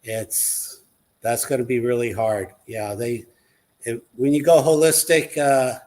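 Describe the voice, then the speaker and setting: A man's voice: medium pitch, steady tone, unhurried, a little mellow. A man speaking earnestly as a guest on a live online talk show, in casual conversation.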